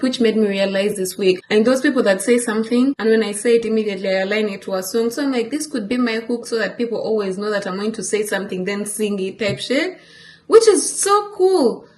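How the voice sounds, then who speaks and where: Young woman vlogger, candid and emotional, reading out a heartfelt letter, mid-pitch voice. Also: darkish tone, a little hiss or hum. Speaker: content creator. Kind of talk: casual vlog talk.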